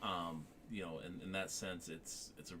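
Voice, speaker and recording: Casual film-chat co-host, man, lowish voice, rambling delivery, faint noise behind. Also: steady tone, normal speed. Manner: rambling, many restarts, crude jokes.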